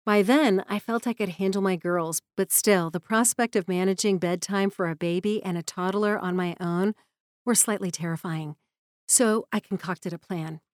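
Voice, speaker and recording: A woman narrates her memoir in an earnest, reflective tone. Her voice sits at an ordinary middle pitch. The sound is dry and close, with no room echo. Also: steady tone, normal speed.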